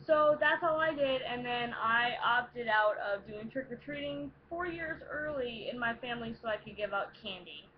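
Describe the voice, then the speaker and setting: A woman's voice: a little high, animated, moderate pace, few pauses. A young woman chatting casually to viewers in a tipsy, rowdy, playful, rambling way as she answers questions. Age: young adult. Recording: dull lo-fi home recording, faint noise.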